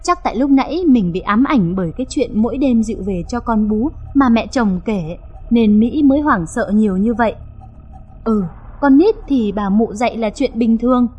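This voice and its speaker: A woman narrating a dramatic audio story in an expressive, measured reading. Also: a little high, breathy edge, highs cut off.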